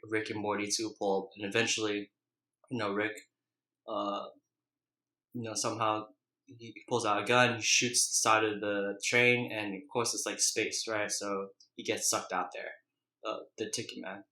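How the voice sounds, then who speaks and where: A man's voice: lowish voice, level tone, moderate pace, sharp tone. A young man giving a casual, unscripted recap in a rambling, colloquial and hesitant way, as a vlogger reviewing a show. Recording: echoey, roomy sound.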